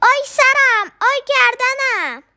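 A woman voicing a small timid young donkey who stammers and squeals in a high, excited voice. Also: exaggerated voice. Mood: wailing.

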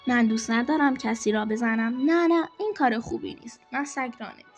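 A woman voicing a talking stick in a storybook tale, calm and mildly disapproving. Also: on the high side, soft background music, natural voice. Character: good-natured talking stick, refuses to hit.

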